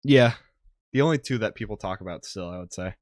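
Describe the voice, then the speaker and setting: A man's voice: lowish voice, fairly quick, no room sound, studio quality. A young man co-hosting a podcast, chatting casually and rambling with lots of ums. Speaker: podcast co-host. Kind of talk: casual chat.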